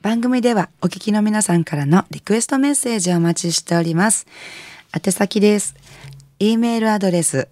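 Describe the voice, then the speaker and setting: A woman radio host and jazz singer with a Kansai accent, chatting in a relaxed, gently encouraging way between songs. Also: mid-range voice, a little fast, dry recording. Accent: Kansai Japanese.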